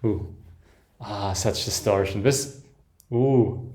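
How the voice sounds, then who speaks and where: A man reacting live to an album, commenting enthusiastically with soft "ooh"s and chuckles, often breaking off and restarting sentences as he listens. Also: fairly low pitch, slow. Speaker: music reaction host.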